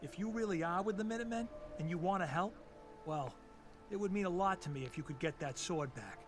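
An actor playing a gruff, earnest older farmer father in a video game, warning bluntly. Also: sits high, a little fast, music in the background, close to an everyday voice. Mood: urgent. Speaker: game character.

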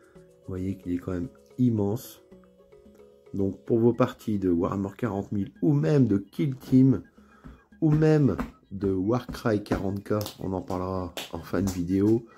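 Easygoing man with a northern French accent. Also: sits low. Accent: northern French (Ch'ti). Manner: relaxed, chatty, many fillers and pauses. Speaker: miniatures hobby YouTuber. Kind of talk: casual unboxing video. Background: faint background music.

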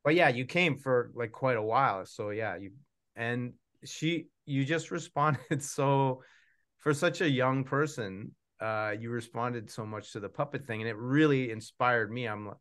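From a room at home on a video call, a middle-aged man casually hosts an online event; he is a host, puppeteer and author. His medium-pitched voice is a bit bright and clean, and he talks a little slowly.

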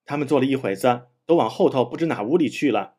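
A man with a husky voice reading the lines of a sharp-tongued, doting middle-aged noble lady from a storybook. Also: mid-range voice, lively intonation, fast, voice pushed down. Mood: scolding. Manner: chiding, bossy.

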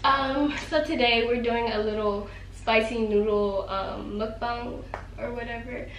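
A young woman chats casually on camera as a vlog host, rambling a little with ums and likes. Her voice sits a touch high and comes from some distance in a roomy kitchen. Pots and dishes clatter clearly in the background. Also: fairly even intonation, a little slow, a little hiss or hum. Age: young adult. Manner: chatty, loose, with frequent ums and "like".

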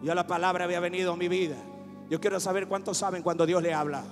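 Dominican pastor guy, really high voice, preaching hard, altar call, echoey church hall w music under. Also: flat delivery, quick pace. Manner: fervent, rising to exhortation. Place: church service, live.

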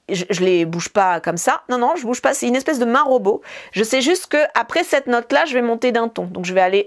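A woman piano teacher, explaining a scale casually and counting fingerings aloud as she plays. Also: on the high side. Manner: talks while playing, counts fingerings aloud. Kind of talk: casual demonstration lesson. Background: piano notes.

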